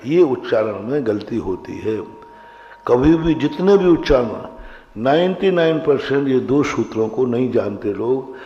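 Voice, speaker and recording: A man's voice: medium pitch, mellow. A man teaching a grammar class, quizzing his students and drilling them on pronunciation. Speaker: religious teacher. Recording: roomy hall, dull lo-fi sound.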